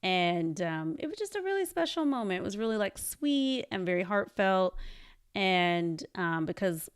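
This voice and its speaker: A woman's voice: mid-range voice, big pitch swings, moderate pace, smooth, no echo, studio quality. Candid, chatty woman podcast host. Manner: candid, chatty, acts out quoted voices. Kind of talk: personal solo podcast monologue.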